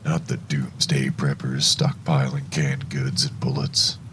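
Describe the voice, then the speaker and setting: A man narrating a first-person horror story in a hushed, deliberate, suspenseful way, with a gravelly voice. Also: very deep voice, level tone, a little hiss or hum.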